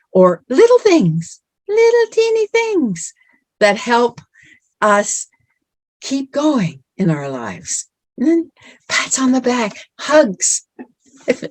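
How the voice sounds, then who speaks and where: A woman's voice: fairly high pitch, a little mellow, dry recording. A middle-aged woman giving an earnest, encouraging motivational talk, often repeating words for emphasis. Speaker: speaker at a women's empowerment event.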